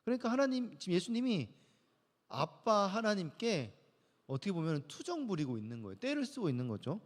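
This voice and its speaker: A man's voice: high-pitched, sing-song, brisk. A man preaching a youth sermon as pastor, talking in a conversational way and acting out the lines he quotes. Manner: conversational, acts out quoted voices. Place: church sanctuary. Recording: long church hall reverb.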